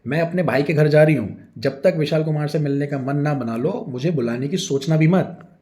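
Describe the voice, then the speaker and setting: A man voicing an angry middle-aged housewife who scolds her husband in loud, shrill complaints. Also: animated, brisk, natural voice. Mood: indignant.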